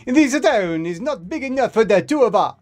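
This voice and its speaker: A man voicing a brash, hot-tempered male pasta cowboy with a loud Italian accent, in a live reading of a story. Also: very high-pitched, expressive, normal speed, faint music behind, pitched above the performer's own voice. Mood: threatening. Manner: loud, blustering.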